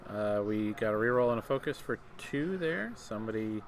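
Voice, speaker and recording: Guy doing casual play-by-play for a tabletop game, kinda halting, lots of ums. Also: on the low side, animated, slight background noise. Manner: conversational, hesitant with fillers and restarts. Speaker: tournament commentator. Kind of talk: live game commentary.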